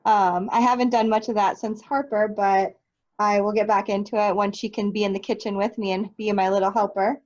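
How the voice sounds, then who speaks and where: A woman's voice: medium pitch, steady tone, fairly quick, a little mellow, highs cut off. A young woman from Nebraska, a teacher answering interview questions in a cheerful, easygoing way. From Nebraska, United States. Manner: cheerful, easygoing, light laughs. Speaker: third grade teacher, guest.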